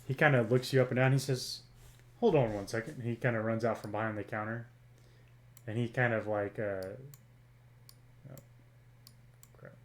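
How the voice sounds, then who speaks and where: A man narrating a tabletop game as game master, halting with many ums and uhs. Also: mid-range voice, flat delivery.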